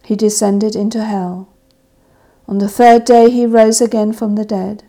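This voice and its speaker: Slow, gravelly woman intoning prayers. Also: mid-range voice, level tone, dark tone. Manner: measured, solemn intoning. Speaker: service officiant. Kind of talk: liturgical reading of evening prayer.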